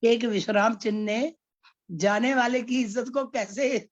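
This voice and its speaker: A woman's voice: fairly high pitch, a little slow, no room sound, dull audio. A woman teaching poetry, patiently explaining each point and acting out spoken examples. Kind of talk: explaining Hindi poetics.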